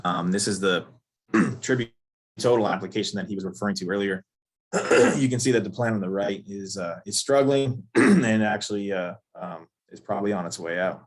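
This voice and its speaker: A man giving a technical lecture on weed control, losing his voice and often clearing his throat, halting with fillers. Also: on the low side. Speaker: turf science presenter.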